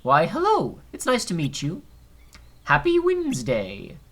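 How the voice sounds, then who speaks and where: Gentle forgetful storybook bear, done by a man, courteous, bright tone, game read-aloud. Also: fairly high pitch, wildly swooping pitch, unhurried, pitched above the performer's own voice, exaggerated voice. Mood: polite. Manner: mild, courteous, musing. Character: gentle, forgetful, polite honey-loving toy bear.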